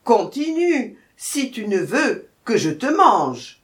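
A woman's voice: a little high, animated, takes it slowly. A woman voicing a furious, menacing lioness who barks orders and threats in a storybook reading. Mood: commanding. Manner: commanding, threatening, loud.

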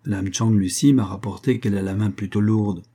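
A man reading the part of a composed, teasing woman of forty who speaks in calm, sententious phrases. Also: on the low side, a little fast, husky. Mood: calm assurance.

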